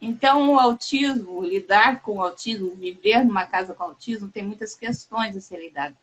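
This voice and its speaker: A woman hosting a casual live chat, talking in a warm, halting way with many restarts and fillers. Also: medium pitch, slightly rough, rough recording. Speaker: host.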